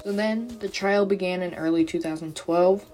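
A woman's voice: on the low side, moderate pace, darkish tone, faint music behind. A woman hosting a true crime podcast, telling the story in a casual way with sarcastic asides.

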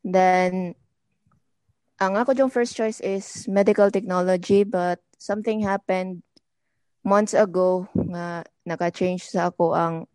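A woman's voice: fairly low pitch, steady tone, unhurried, dark tone, clear, resonant tone, no room sound. A young woman from Leyte, a student guest speaking hesitantly and mixing Cebuano into English. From Leyte, Philippines. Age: young adult. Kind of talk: casual podcast chat.

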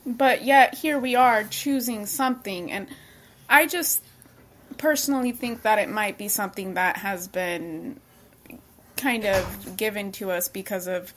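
A woman's voice: medium pitch, measured pace, a bit bright. Young woman hosting a casual podcast. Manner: probing questions, laughs often. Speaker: podcast host.

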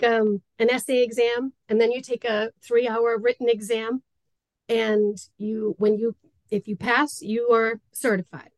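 A woman's voice: on the high side, a little mellow, no echo, low-quality recording. Woman explaining earnestly, close dry sound. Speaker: interview guest, spiritual medium and life coach. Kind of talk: conversational explaining in an interview.

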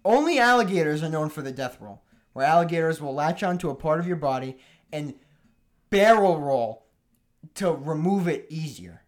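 A young man co-hosting a casual podcast, his voice a little raised and very lively in its rise and fall. He tells stories with quick exclamations and bursts of laughter. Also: a little high. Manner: animated, laughs and exclaims often. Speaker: podcast co-host. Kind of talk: casual chat.

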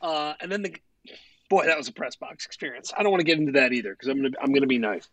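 Animated, rambling male sports podcaster. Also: medium pitch, fast talker, no room sound. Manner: rambling, profane, animated storytelling. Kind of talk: casual chat.

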